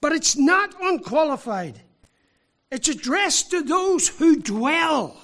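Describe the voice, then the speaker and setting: A man from Ireland, preaching a sermon with emphatic rhetorical questions and deliberate pauses. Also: very high voice, sing-song, fairly bright tone. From Northern Ireland.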